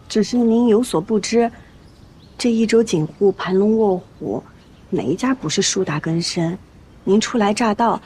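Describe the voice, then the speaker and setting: A woman's voice: medium pitch, a little mellow, a little hiss or hum, natural voice. An actress in a costume drama playing a shrewd, polite young merchant woman with deferential, artful phrasing. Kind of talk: Chinese costume television drama acting.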